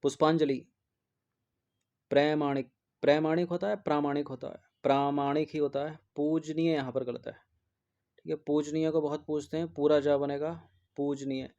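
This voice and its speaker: Hindi exam tutor, dark, lo-fi. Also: male voice, a little high, steady tone, normal speed, vocal fry. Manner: repeats each word over and over and checks in with a constant "theek hai". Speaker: exam prep teacher. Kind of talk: spelling lesson, explaining answers. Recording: dull lo-fi recording.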